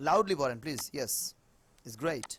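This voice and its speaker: Over a video call, a man with a Bengali accent teaches an online spoken English class, mixing Bengali and English and repeating words slowly for his students. His medium-pitched voice is fairly bright with lively intonation, and there is a little hiss or hum.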